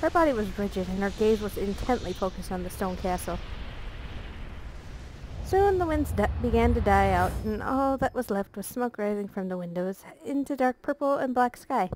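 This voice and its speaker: A woman's voice: medium pitch, expressive, moderate pace, darkish tone, a little hiss or hum, rough recording. A woman reading a visual novel aloud as a let's play narrator, playful and breaking off for jokey asides.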